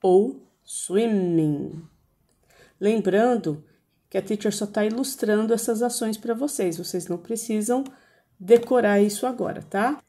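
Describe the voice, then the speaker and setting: A woman's voice: medium pitch, moderate pace, mellow. A woman with a Brazilian Portuguese accent teaches English words to young children. She talks patiently and repeats each word several times. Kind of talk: slow, drawn-out pronunciation drills for children.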